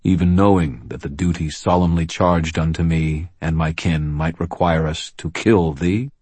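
A huge horned fae brute , as a man puts him on, rumbling out archaic threats with slow, heavy solemnity. The voice sits very deep and husky, with a close, dry sound. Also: a little mellow, no room sound. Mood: stiff, solemn. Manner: rumbling, archaic formal speech. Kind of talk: audiobook character voice.

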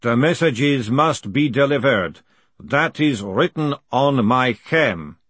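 A man voicing an ancient, solemn male clay golem messenger who speaks slowly and gravely. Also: mid-range voice, dry recording, full character voice. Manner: slow, measured, flat and grave.

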